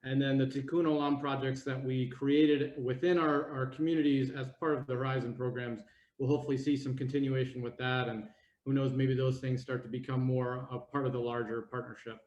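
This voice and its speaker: Halting man on an echoey call. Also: mid-range voice, level tone, darkish tone. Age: 40s. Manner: halting, many fillers and restarts. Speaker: committee presenter. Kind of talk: casual update on a video call. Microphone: video call. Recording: echoey, dull video call audio.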